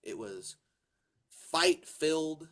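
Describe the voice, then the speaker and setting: His voice a little high, animated and a bit bright, this congested co-host draws out his words during casual college football podcast chat. He rambles, restarting often and filling gaps with filler words.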